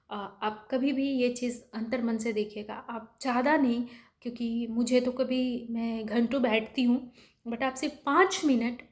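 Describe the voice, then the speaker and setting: A woman's voice: a little high, darkish tone. A woman giving a motivational spiritual talk, earnest and pleading, asking rhetorical questions and mixing in English words. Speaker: spiritual speaker.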